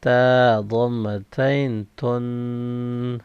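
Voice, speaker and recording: Slow, clear male Quran reading teacher. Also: medium pitch, fairly even intonation, no room sound. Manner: spells out each letter and vowel, then blends the syllables slowly. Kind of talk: slow syllable-by-syllable recitation drill. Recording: dull, slightly lo-fi dry recording.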